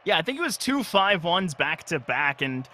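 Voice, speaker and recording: A young man giving energetic, analytical live commentary on an esports match. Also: on the high side, moderate pace. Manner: energetic analytical play-by-play, frequent restarts.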